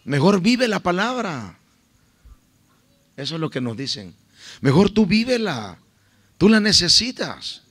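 A man's voice: high-pitched, sing-song, measured pace, pauses often, a bit bright. A man preaching a sermon as a guest evangelist at a church service, impassioned and calling out to his listeners as beloved brothers.

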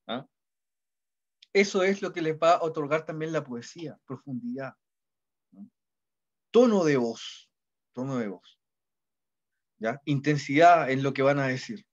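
A middle-aged Chilean man teaches a literature class in an easy conversational manner. His voice sits somewhat high, and he keeps pausing to ask the students whether they follow. The recording sounds dull and lo-fi. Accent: Chilean Spanish. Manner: conversational, repeats ¿ya? to check in with students. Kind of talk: classroom lecture.

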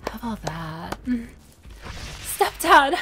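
A man's voice: high voice, very animated, extremely slow, over loud music, voice pushed up, heavily acted. A man talking through a voice changer filter that makes him sound like a girl, playfully pushing items on strangers in casual in-game trolling chat. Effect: voice changer filter making him sound like a girl.

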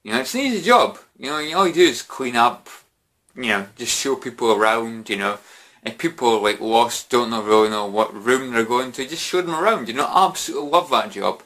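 A man's voice: mid-range voice, lively intonation, fairly quick, bright, forceful tone. A young British man, drunk, chatting casually in a rambling, repetitive way to camera, often saying "you know". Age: young adult. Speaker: vlogger. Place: small bedroom at home.

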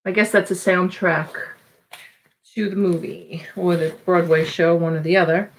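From her shelf-lined small room at home, a casual Long Island, New York woman hosts a live record auction, friendly and rambling as she thinks aloud over album titles. Her voice is lowish with fairly even intonation at a normal speed, and the recording is rough.

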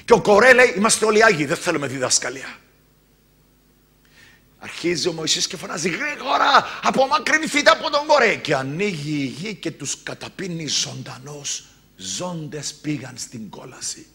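A male pastor with a Cypriot Greek accent delivers a sermon in a high, very bright and piercing voice. He swings from loud, exclaimed declarations down to quiet, low asides. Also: lively intonation, husky.

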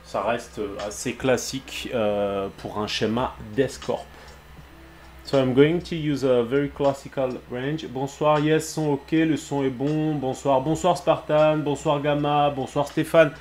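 A man with a French accent, hosting a live painting stream in a relaxed, chatty way and often pausing with hesitant fillers. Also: medium pitch, roomy sound, slight background noise.

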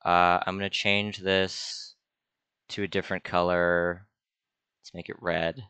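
A man's voice: deep voice, flat delivery, a little slow, sharp tone, clear, resonant tone, dry recording. A young man, an art student, casually talking through a screen-recorded drawing tutorial in an offhand, self-deprecating way. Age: young adult.

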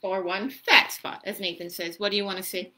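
In a small room at home, a woman in her thirties reads a children's story aloud, her mid-range voice steady, brisk, bright and forceful. She keeps it casual and encouraging, asking young listeners questions as she goes, part chat and part read-aloud. The noisy webcam recording sounds homemade.

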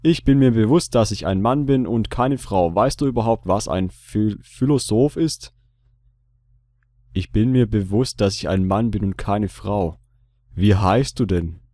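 Slow-talking joking man, low voice. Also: dark tone, no echo, studio quality. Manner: joking, repeats his own lines aloud, laughs often. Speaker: let's play host. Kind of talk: casual gaming commentary.

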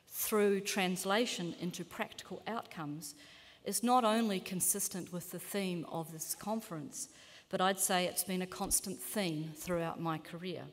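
A woman in her fifties with a New Zealand accent, giving a measured, earnest keynote lecture as a climate scientist in a large lecture hall. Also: fairly low pitch. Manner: measured, earnest, occasional self-corrections. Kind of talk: formal conference lecture. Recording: long hall reverb.

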